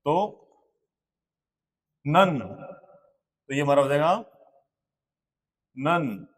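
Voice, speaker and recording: Slow, echoing Indian male teacher. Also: fairly high pitch, steady tone. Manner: patient, repeats and spells out words. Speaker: English pronunciation teacher. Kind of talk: slow board lesson. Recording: long hall reverb.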